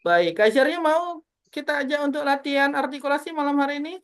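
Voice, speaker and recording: A woman public speaking trainer teaching an online class, animated and always addressing her audience as friends, over a video call. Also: high-pitched, quick pace.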